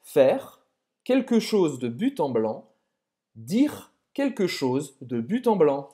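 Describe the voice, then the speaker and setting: A woman's voice: deep voice, big pitch swings, mellow. A woman co-hosting a French lesson, explaining expressions and drawing out French words carefully. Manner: drawn-out careful French pronunciation. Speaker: French teacher. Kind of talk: bilingual language lesson.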